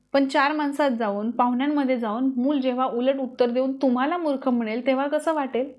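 A woman's voice: fairly high pitch, darkish tone. A woman talking to parents straight to camera in an earnest advice vlog, asking them many rhetorical questions. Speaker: parenting vlogger. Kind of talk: direct-to-camera advice talk.

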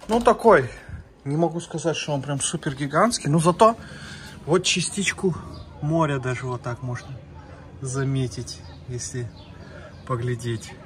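A man's voice: mid-range voice, unhurried, a little hiss or hum. Chatty man vlogging with a phone. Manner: chatty, addresses viewers as friends, many fillers. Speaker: travel vlogger. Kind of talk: casual travel vlog narration. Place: outdoors and in hotel rooms, walking with a phone.

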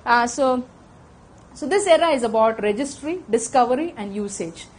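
Her fairly high, expressive voice is slightly rough as this middle-aged woman with an Indian accent rushes through a technical lecture for a conference room audience. She speaks into a handheld mic and checks in with "okay?" again and again.

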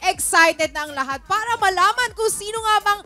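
Very high, bright-voiced woman host. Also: lively intonation, moderate pace. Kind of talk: casual live show chat. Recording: music playing behind.

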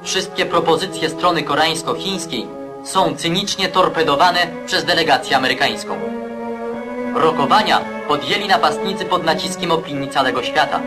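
A man narrating an old 1950s newsreel in a stern, declamatory voice. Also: fairly high pitch. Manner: declamatory, stern propaganda delivery. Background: loud music score.

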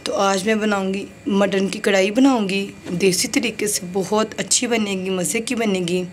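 With fairly even intonation and a mid-range voice at normal speed, a woman vlogger casually explains a home cooking recipe step by step, pointing things out as she works. She chats freely and says "ye dekhiye" each time she shows a step. Her home kitchen sizzles and clatters in the background.

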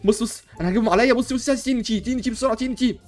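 A young man with an Egyptian accent, playing a superhero in a block-building game, talking loudly and frantically with constant exclamations. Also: very high voice, rapid-fire, crowd noise. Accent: Egyptian Arabic. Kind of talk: excitable role-play over gameplay.

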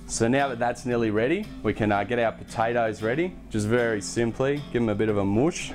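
A young man hosting a casual cooking demonstration in a home kitchen, relaxed and chatty, with self-deprecating asides. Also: medium pitch. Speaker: cooking show host. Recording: background music under the voice. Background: music and pan sizzling.

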